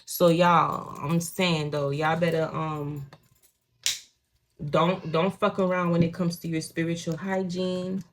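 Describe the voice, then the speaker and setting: A young woman from a Haitian home, a native Haitian Creole speaker with the accent to match, gives a casual tarot reading. Her voice sits on the low side, level and slow, and her talk is blunt, profane, and full of "you know what I'm saying." Slight background noise is audible.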